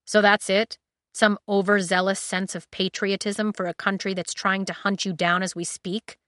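A woman's voice: medium pitch, little pitch movement, moderate pace, a bit bright, dry recording, clean studio sound, close to an everyday voice. A woman voicing a surly, sarcastic young male royal guard. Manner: sarcastic, dismissive.

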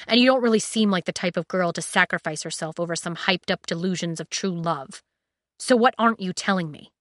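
A woman's voice: fairly low pitch, a little fast, fairly bright tone, no echo, studio quality, close to an everyday voice. A woman voicing a surly, sarcastic young male royal guard. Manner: sarcastic, dismissive.

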